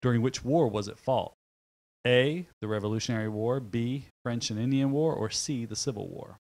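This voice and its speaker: A man's voice: mid-range voice, normal speed, a little mellow, low-quality recording. A man acting as quiz master on a talk show, reading multiple-choice trivia questions with a playful, jokey manner.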